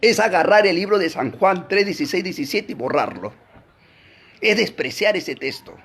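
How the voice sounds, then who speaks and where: Man, Bible teacher, emphatic preaching, high-pitched, animated, rhetorical questions, loud exclamations and low asides. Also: normal speed, husky. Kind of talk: impassioned Bible class preaching.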